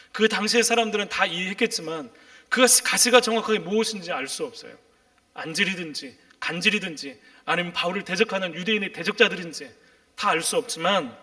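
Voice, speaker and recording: A man's voice: high voice, pushed and bright. A man preaching a sermon as pastor, with rising, emphatic calls to the congregation. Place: church sanctuary. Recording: reverberant church hall.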